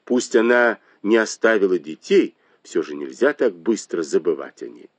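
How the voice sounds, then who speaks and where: A shrewd noblewoman with a sharp, mocking tongue, as a male reader puts her on. The voice sits higher than his own and swings widely in pitch. The recording is close and dry, with no room sound. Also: animated, moderate pace, no room sound. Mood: earnest. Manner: mocking, reproachful.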